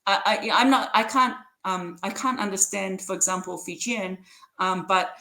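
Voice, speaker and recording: A woman's voice: medium pitch, moderate pace, bright, forceful tone. A woman bilingual in Samoan and English, talking casually as an interview guest, explaining her points with frequent rhetorical check-ins. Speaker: podcast guest, writer and editor.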